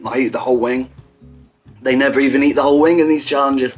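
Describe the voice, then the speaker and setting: A man's voice: medium pitch, steady tone, fast, slightly rough, faint music behind. A man chatting casually to camera in a blunt, sweary, self-mocking way, as host of an online video. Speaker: online content creator hosting a hot wing challenge.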